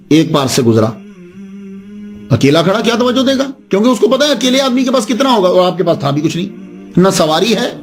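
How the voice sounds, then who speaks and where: A male preacher tells a religious story in a high voice. He delivers it dramatically, with swooping, animated pitch. Faint music runs underneath. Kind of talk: storytelling sermon.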